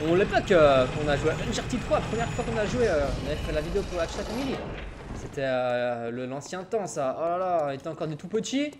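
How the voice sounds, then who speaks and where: A man's voice: a little high, expressive, fairly quick, noisy background. A man in his twenties giving casual, chatty gameplay commentary as a let's player, joking and laughing often. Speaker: let's play gamer. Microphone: home streaming mic setup.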